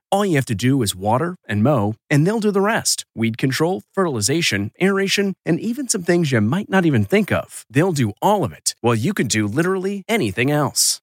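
An animated male announcer delivers a scripted ad read. His voice sits a bit high and moves around a lot, recorded dry and close. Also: no room sound.

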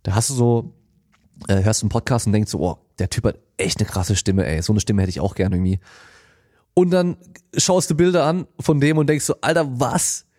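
Young male podcast host, lively slangy delivery, dry close-mic sound. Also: on the low side, brisk, no echo. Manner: animated, slangy storytelling, acts out quoted lines. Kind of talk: casual monologue. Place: home studio, seated. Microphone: podcast microphone.

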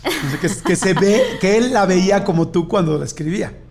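High-voiced Mexican man telling a story. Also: normal speed, creaky, crowd noise. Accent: Mexican Spanish. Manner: animated anecdote-telling, acting out dialogue. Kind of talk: casual chat.

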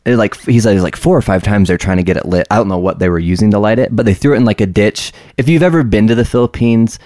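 A man with a fairly low voice tells stories casually in a cabin in the woods. The sound is dry and close, and he slips into quoted dialogue as he goes. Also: fast talker, a little mellow, no echo. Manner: informal, filler-heavy retelling with acted quotes. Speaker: podcast co-host. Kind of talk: casual storytelling.

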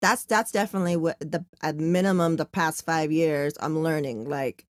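A woman's voice: low voice, normal speed, dry recording, clean studio sound. A woman hosting a casual conversational interview, speaking informally with slang and often checking that the listener follows. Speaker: podcast host.

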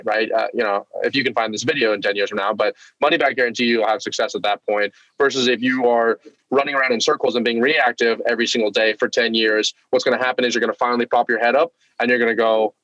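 A young man talking as a guest in an interview, pushing his points with emphatic, driven energy. His voice comes through a dry, slightly dull remote recording with no room sound. His pitch sits in a middling range for a man. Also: a bit bright, dry recording. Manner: emphatic, driven motivational talk. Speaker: guest entrepreneur. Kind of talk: casual interview talk.

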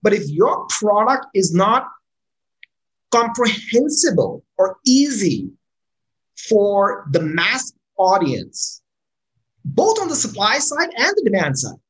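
A Pakistani startup founder answers interview questions in a casual way, speaking slowly in a mid-range voice. He keeps checking in with "right?" and restarts words when he gets excited. The recording is rough.

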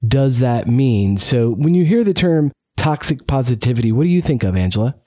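A man hosting a casual talk, speaking in a calm, reflective and gentle way. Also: medium pitch, normal speed, no room sound, clean studio sound. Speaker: podcast host. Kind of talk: casual podcast chat.

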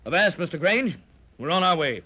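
Decisive sea captain, nautical heartiness, old radio adventure delivery, dull lo-fi recording. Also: male voice, fairly high pitch, animated, fairly quick, bright, forceful tone, breathy edge, exaggerated voice. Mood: resolute.

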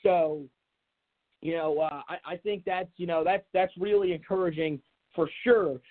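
A man's voice: high voice, steady tone, unhurried. A man hosting a sports podcast solo, talking casually and off the cuff in a rambling way with many filler phrases. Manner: rambling, repeats filler phrases like "you know". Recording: tinny, narrow phone-like sound.

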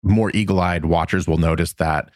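Podcast co-host, man, deep voice, casual and rambly, dry close recording. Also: moderate pace, dry recording. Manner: relaxed, rambling with fillers like "like" and "uh". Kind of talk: casual chat and episode recap.

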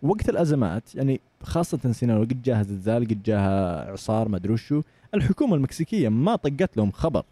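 A young Saudi man with a Saudi Arabic accent telling travel stories in casual chat, animated and full of acted-out voices. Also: medium pitch, very fast, few pauses, breathy edge, no room sound. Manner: animated, acts out voices in anecdotes. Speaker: guest. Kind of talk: casual storytelling.

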